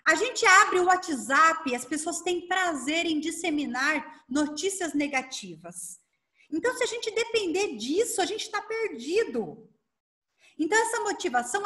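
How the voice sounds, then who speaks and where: A Brazilian woman coach giving a lively online workshop, talking fast and asking herself rhetorical questions over a video call. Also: high voice. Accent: Brazilian Portuguese. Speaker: coach and speaker leading a workshop.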